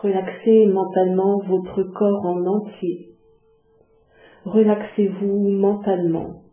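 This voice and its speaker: Music plays behind a woman's mid-range voice as she guides a yoga relaxation. Her instructions come calmly and measuredly, with long pauses, and the audio is echoey with a muffled, phone-like quality.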